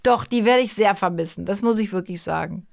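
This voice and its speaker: A mother chatting casually on a podcast, teasing and telling stories with lively energy. Her voice sits at an ordinary middle pitch for a woman. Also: brisk, vocal fry. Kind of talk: casual chat.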